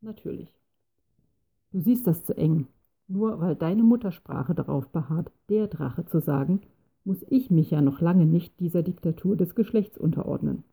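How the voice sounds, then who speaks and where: Storybook dragon, lazy and teasing, quiet drowsy delivery; woman reader doing it, gravelly and husky. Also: lowish voice, expressive, normal speed, heavily acted. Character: lazy, unbothered small dragon, calm and teasing.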